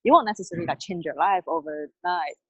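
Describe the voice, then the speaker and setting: A woman life coach as an interview guest, lively, laughing often, with fillers. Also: lowish voice, fast, breathy edge, no room sound, rough recording. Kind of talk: casual interview. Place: near a construction site.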